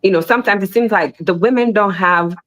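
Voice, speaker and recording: A woman on a discussion panel speaks fairly quickly in a casual, lively way, repeating herself often. Her voice rises sharply each time she makes a point.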